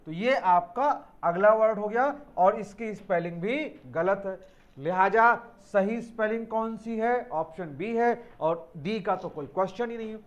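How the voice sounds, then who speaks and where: This man's voice is high and unhurried, and the recording sounds lo-fi. He's giving an exam-focused English spelling lesson, explaining patiently in steps, spelling each word letter by letter, and calling the students children.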